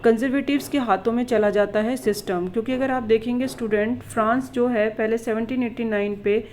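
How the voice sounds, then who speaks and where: A woman teacher going through exam questions with students, reading English questions slowly and explaining them in Hindi mixed with English. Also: on the high side, steady tone, darkish tone, a little hiss or hum, rough recording. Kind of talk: exam revision lesson.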